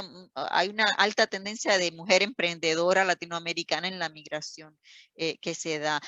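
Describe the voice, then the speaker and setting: A woman's voice: lowish voice, a bit bright, dry recording. A woman from Puerto Rico with a Puerto Rican Spanish accent, speaking as a seminar panelist on a video call, hesitant with many fillers and restarts. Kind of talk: academic talk on a video call.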